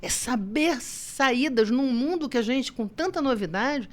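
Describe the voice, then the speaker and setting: A woman with a high voice speaks in a casual podcast chat. She makes her points emphatically and with conviction. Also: expressive, a little slow. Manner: emphatic, opinionated.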